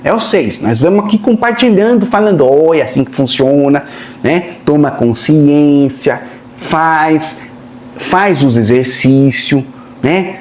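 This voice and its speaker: Brazilian guy channeling a spirit teacher, high voice, chatty, says né a lot, echoey room. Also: a little slow, darkish tone. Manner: colloquial and chatty, tags lines with "né?"; acts out other people's voices in quotes. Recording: roomy echo.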